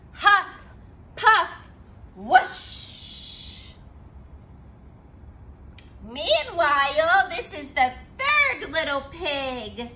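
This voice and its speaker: A woman teacher reading a children's story aloud, expressive and stopping to explain words for kids. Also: high voice, a little hiss or hum, poor audio.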